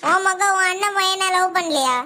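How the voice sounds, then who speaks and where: Woman voicing a shrill, furious village mother. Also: moderate pace, noisy background. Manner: scolding, shouting in a quarrel. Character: quarrelling village women, a furious mother among them. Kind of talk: cartoon voice acting.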